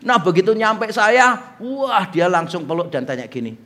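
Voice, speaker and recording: A man's voice: sits high, moderate pace. A middle-aged man preaching a sermon as pastor, acting out little dialogues and joking with the congregation. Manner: animated, acts out dialogue and jokes with congregation. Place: church hall.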